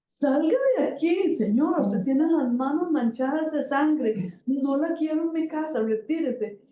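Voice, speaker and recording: An older woman voicing an indignant, hostile woman judge, sharp and shrill, in an echoey auditorium. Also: expressive, unhurried, muffled recording. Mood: scornful.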